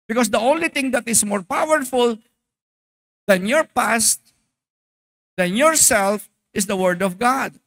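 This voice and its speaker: High-voiced Filipino man preaching. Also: slow pace, pauses often. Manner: mixes English with Tagalog, asks the congregation questions; emphatic, animated preaching. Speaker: pastor. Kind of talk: sermon.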